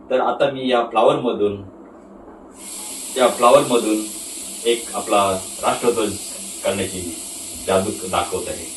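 Echoey man doing kids party magician patter, Marathi accent. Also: on the low side. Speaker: magician presenting tricks. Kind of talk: magic trick demonstration to camera. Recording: roomy echo, distant mic, faint noise.

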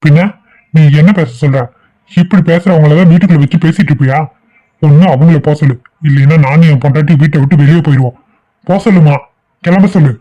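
A man's voice: fairly high pitch, quick pace, lo-fi sound, natural voice. A man voicing an angry young husband in a cartoon family drama, stern and indignant toward his elders.

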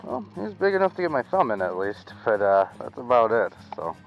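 A man's voice: medium pitch, very animated, a little fast, muffled recording, faint music behind. A man, chatting casually to an action camera as he fishes from a small boat on a lake. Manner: chatty, talks to himself while fishing. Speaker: fishing vlogger. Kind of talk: casual fishing vlog. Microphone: action camera mounted on the boat.

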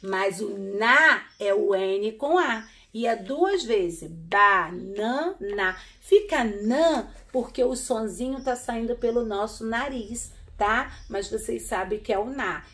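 A woman teacher speaks slowly to small children, breaking each word into syllables. Her voice is bright and a little high, and she keeps checking in with gentle "tá?" and "né?" tags. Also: animated. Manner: slow, syllable-by-syllable sounding out of words; patient, coaxing with frequent "tá?" and "né?". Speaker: primary school teacher. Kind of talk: online literacy lesson for young children.

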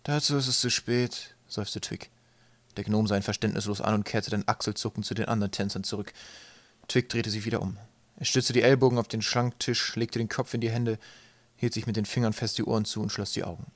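A man reading an audiobook aloud in a calm, even storytelling voice. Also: fairly low pitch, fast, dry recording. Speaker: audiobook narrator.

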